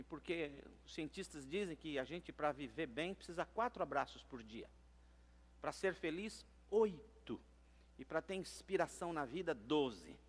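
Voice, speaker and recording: High-voiced playful Brazilian pastor. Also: male voice. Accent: Brazilian Portuguese. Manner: playful and humorous, shifting between soft asides and loud calls. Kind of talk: lively sermon. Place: church sanctuary.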